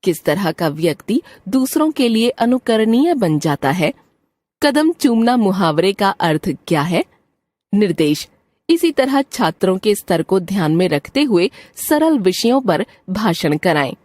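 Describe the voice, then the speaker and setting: A woman reading aloud a grammar textbook chapter in a slow, even, deliberate way. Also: medium pitch, no room sound.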